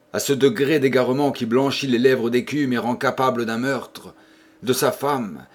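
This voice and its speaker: A man narrating a classic novel as an audiobook, reading in a dramatic, measured way. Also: medium pitch. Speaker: audiobook reader. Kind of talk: scripted literary narration.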